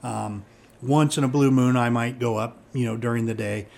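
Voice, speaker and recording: A man's voice: mid-range voice, fairly even intonation, normal speed, creaky, a little mellow. A middle-aged man, a police chief, chatting casually and rambling with many fillers and restarts. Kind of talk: casual conversation.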